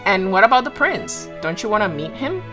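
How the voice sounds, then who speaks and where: Woman as a lively young storybook prince. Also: mid-range voice, fairly quick, close to an everyday voice. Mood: teasing. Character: young royal gentleman at a ball, playful. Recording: music behind the voice.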